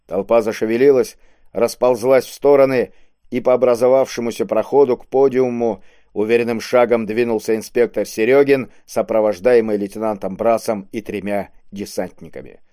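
A man reading a science-fiction novel aloud in a steady, measured narration. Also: fairly low pitch, no echo, studio quality. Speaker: audiobook reader. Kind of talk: scripted narration.

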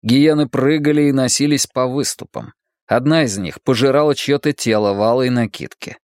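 Male audiobook reader, mid pitch, even delivery, very dry close recording. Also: normal speed, no echo. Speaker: audiobook narrator. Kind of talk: scripted fiction narration.

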